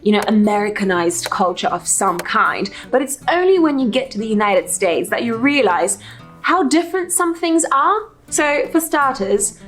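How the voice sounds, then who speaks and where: A young woman from Poland, raised in England, telling travel stories in an animated vlog from her living room. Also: on the high side. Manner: bubbly, animated storytelling. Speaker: travel YouTuber.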